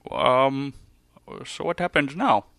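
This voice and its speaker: A man's voice: mid-range voice, takes it slowly, fairly bright tone, dry recording, studio quality. A man playing a touchy, imperious terrorist bachelor on a parody dating show. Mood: polite, hesitant. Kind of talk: comedy sketch acting.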